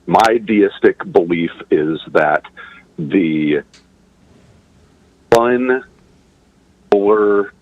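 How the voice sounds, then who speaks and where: A man's voice: sits low, narrow, tinny audio. Man on a glitchy, cutting-out call line. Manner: halting, hesitant, searching for words. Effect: glitchy call audio, starts and ends of words cut out. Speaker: caller. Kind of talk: casual call-in conversation.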